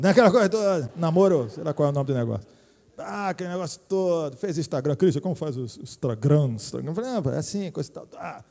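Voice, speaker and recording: A middle-aged pastor with a Brazilian accent preaches in a relaxed, joking way, often checking in with the congregation. His voice sits high but sounds mellow. The church hall adds a long reverb. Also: creaky. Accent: Brazilian Portuguese. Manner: joking, chatty preaching with many tag questions. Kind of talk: sermon.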